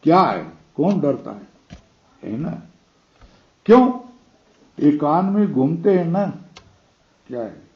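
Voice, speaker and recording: A man giving a scripture lecture, explaining slowly, quoting verses and asking his listeners to confirm. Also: a little high, big pitch swings, lo-fi sound. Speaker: teacher of scripture.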